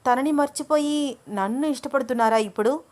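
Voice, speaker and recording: A woman's voice: mid-range voice, fairly even intonation, moderate pace, lightly acted. A woman voicing a touchy young student girl. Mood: indignant. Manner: indignant, accusing. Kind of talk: audio story character voice.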